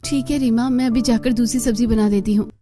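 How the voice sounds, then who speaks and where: A woman voicing a kind, hardworking poor young woman in a cartoon, earnest and gentle. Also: fairly high pitch, fairly even intonation, brisk, close to an everyday voice. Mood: caring. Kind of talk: cartoon voice acting.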